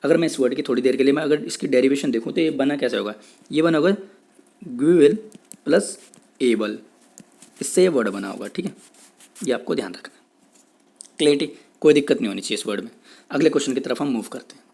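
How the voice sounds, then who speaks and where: A man with an Indian English accent teaching exam vocabulary in a Hindi-English lecture, repeating himself often and saying English definitions slowly. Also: mid-range voice, creaky, darkish tone. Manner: repetitive, checks in with "theek hai", says English definitions slowly.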